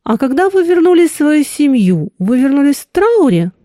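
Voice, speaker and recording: A woman voicing a calm, cool-headed man who questions a woman in a level way. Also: high-pitched, moderate pace, no echo, studio quality, pitched above the performer's own voice. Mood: coolly probing.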